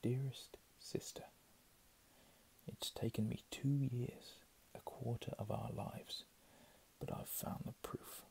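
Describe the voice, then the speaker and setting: A man reading under his breath in a hushed ASMR whisper, with casual murmured asides. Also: mid-range voice, fairly even intonation, vocal fry. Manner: slow, hushed delivery. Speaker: ASMR reader.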